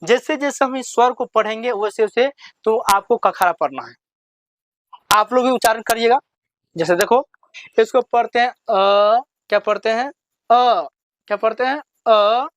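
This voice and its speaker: On a dry recording, a very high-pitched, somewhat bright male voice teaches young children to read. He repeats things slowly, running letter drills where he asks a question and then gives the answer himself.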